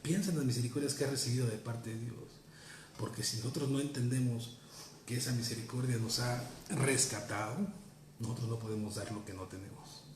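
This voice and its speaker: A man's voice: medium pitch, fairly quick, noisy background. Man, preacher, sermon, earnest teaching tone, repeats phrases, echoey church room.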